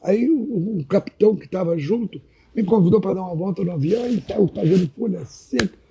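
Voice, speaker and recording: Very raspy, gravelly old man. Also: sits high, brisk. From Minas Gerais, Brazil. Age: 80s. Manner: animated anecdotal storytelling, repeatedly addressing the host by name. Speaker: podcast guest. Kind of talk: casual storytelling chat.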